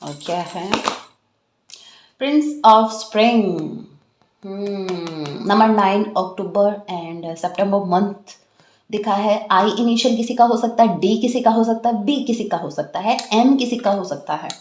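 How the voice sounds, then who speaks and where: A woman's voice: mid-range voice, measured pace, reverberant. An Indian woman doing a casual tarot reading, chatting to viewers with a slightly sore throat. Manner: chatty, animated, addresses viewers as guys. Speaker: tarot reader.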